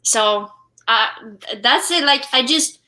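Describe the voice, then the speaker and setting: A young woman with a Swedish accent speaks in a bright, somewhat high voice. She is a drummer in a casual live-stream interview, and her talk halts often on fillers and restarts. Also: lively intonation. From Sweden. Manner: halting, many fillers and restarts. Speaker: guest drummer. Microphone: wireless headphones.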